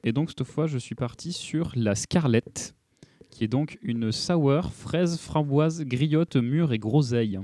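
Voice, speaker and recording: A man hosting a casual podcast chat about beer, relaxed and chatty with fillers. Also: mid-range voice, slow pace, no echo, studio quality.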